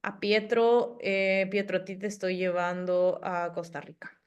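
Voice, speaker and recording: A woman on a video call, coordinating an online class. She talks briskly and practically, sorting students into groups and fixing problems on the fly. Her pitch sits in the middle range. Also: flat delivery, clear, resonant tone, highs cut off. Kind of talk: organizing breakout groups in a virtual class.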